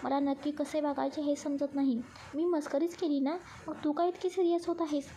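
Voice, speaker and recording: A woman voicing a quick-tempered young man who is a teasing boss, speaking indignantly and defensively in a storybook reading. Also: high-pitched, little pitch movement, dark tone, a little hiss or hum. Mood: hurt, irritated.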